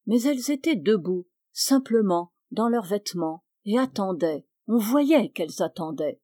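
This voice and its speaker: A woman with a French accent reading a literary novel aloud as an audiobook, in a measured, calm storytelling manner. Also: medium pitch, dry recording, studio quality. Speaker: audiobook reader.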